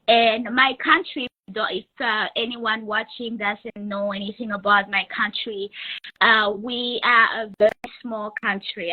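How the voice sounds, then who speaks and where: A woman's voice: mid-range voice, pushed and bright, highs cut off. A woman in her thirties from Rwanda, a guest telling her life story in an interview, speaking carefully with many restarts. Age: 30s. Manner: careful, halting, repeats and restarts while explaining.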